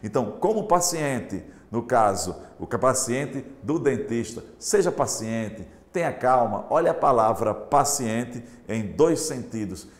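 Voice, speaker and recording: A man's voice: mid-range voice, expressive. Man teaching with a Brazilian accent, echoey room. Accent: Brazilian Portuguese. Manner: slow, emphatic, repeats key points, addresses students directly. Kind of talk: recorded classroom lesson. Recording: echoey room with long reverb.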